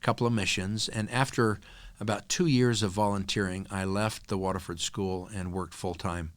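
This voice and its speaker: A man guest on a podcast, telling stories in an earnest, animated conversational way. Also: on the low side, moderate pace, no echo. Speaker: podcast guest, nonprofit co-founder. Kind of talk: conversational interview storytelling.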